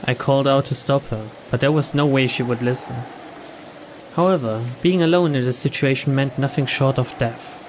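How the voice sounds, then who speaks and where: A man reads a visual novel aloud as a let's play narrator, giving it a dramatic, scripted delivery. His voice is medium-pitched and moves at a normal speed, with clear background ambience audible in the recording.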